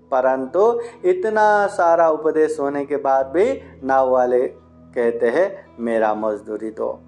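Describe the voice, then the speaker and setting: Monk telling a story real slow, says "haan" a lot, highish voice. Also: male voice. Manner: unhurried, repetitive, with interjections of "haan". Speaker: Buddhist monk. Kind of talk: storytelling dharma talk. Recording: faint instrumental music behind. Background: soft instrumental music.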